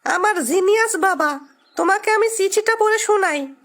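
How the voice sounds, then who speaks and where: A loving mother, acted by a woman soothes her little boy in a very high, gentle voice. She speaks with tender, patient affection, as in a radio drama. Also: expressive, normal speed, exaggerated voice.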